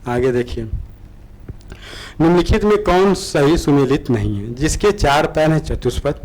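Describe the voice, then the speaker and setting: A man teaching an online exam-prep lesson. He reads the options aloud slowly, then explains them, often checking in with a quick "okay". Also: fairly high pitch, animated, a little mellow, rough recording. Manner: repetitive, checks in with "ठीक है" often.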